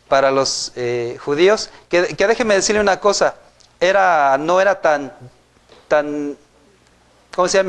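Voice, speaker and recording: A man with a Mexican Spanish accent gives a sermon in a church. His voice sits a little high, and he keeps the tone conversational, often turning to the congregation with quick rhetorical questions. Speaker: preacher.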